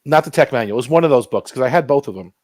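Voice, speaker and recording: A man's voice: medium pitch, lively intonation, racing, darkish tone, no echo. A man co-hosting a casual watch-along chat, laughing easily and chatting loosely. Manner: laughs easily, chatty, looks things up aloud. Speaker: podcast co-host. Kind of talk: casual riff-track banter.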